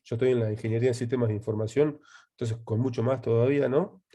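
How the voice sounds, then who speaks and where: A man's voice: mid-range voice, steady tone, quick pace, warm tone. An Argentine man, a university lecturer hosting an interview, agreeable and emphatic as he talks. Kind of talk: casual conversation.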